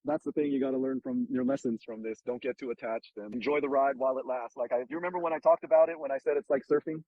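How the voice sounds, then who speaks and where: A man's voice: medium pitch, steady tone, fast, no room sound, narrow, tinny audio. A man hosting a casual advice chat, blunt, profane and streetwise, talking from a car. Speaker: host giving dating advice.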